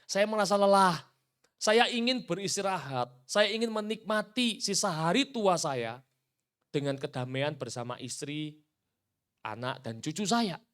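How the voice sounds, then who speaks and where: A man's voice: sits high, expressive, a little slow, fairly bright tone, voice pushed up. A male preacher voicing a tired old carpenter in a sermon story, speaking in a pleading, earnest way. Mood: weary pleading.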